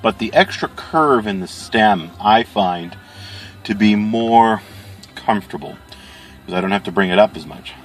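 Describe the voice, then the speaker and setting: Low-voiced man in a casual video chat. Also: animated, a little slow, soft background music. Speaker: pipe-smoking video reviewer. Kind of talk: casual chat product review.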